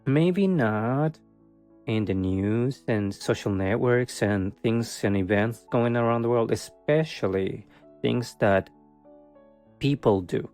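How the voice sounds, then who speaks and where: A man's voice: medium pitch, slow, darkish tone, faint music behind. A man giving a casual monthly tarot reading, hesitant and full of fillers, with a wry, sarcastic streak and frequent laughs. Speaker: tarot reader.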